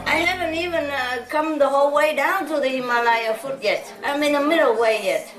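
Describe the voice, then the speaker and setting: High-voiced woman teacher in an echoey hall. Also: fairly quick, music in the background. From Vietnam. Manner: chatty storytelling, frequent "you know?" asides. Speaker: spiritual teacher. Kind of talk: informal lecture to an audience. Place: large hall with an audience. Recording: echoey hall from a distance with audience.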